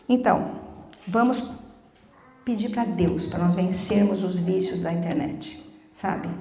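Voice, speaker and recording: A middle-aged woman giving a sermon in a church, telling stories with animated, quick speech and asking the congregation questions. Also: mid-range voice, creaky. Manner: animated storytelling, quick talk. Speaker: church speaker. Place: church sanctuary. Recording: echoey church hall.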